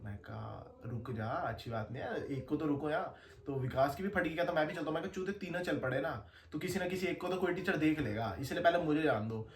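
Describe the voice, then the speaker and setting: A young man telling a story in casual, slangy chat, animated and laughing as he goes. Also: fairly high pitch, brisk, hardly any pauses, far from the mic. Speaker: podcast guest storyteller. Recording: echoey room, faint ambience.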